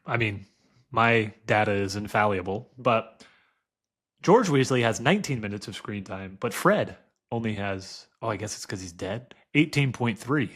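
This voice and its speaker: A man's voice: on the low side, expressive, moderate pace, fairly bright tone, husky. A man co-hosting a podcast, chatting casually and dropping dry, joking asides. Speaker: podcast co-host. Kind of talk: casual chat.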